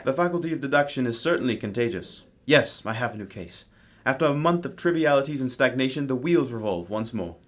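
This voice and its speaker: A courteous gentleman detective in a radio mystery play, acted by a man, with a medium-pitched voice. He is composed and analytical, explaining things in formal, measured phrases. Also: lively intonation, close to an everyday voice. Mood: genial, composed. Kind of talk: amateur radio drama acting.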